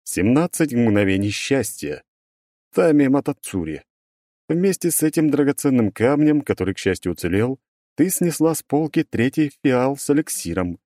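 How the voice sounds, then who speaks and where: A man's voice: medium pitch, expressive, normal speed, dark tone, no echo, studio quality, voice pushed up, natural voice. A man voicing a huge steel magic golem that drones on in a melancholy, faintly gloating way. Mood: droning. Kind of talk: audiobook reading.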